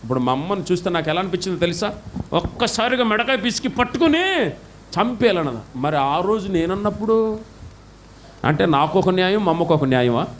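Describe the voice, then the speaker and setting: A middle-aged pastor from India preaching a sermon with passion, his voice swinging from loud highs to low drops. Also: big pitch swings, brisk, slight background noise.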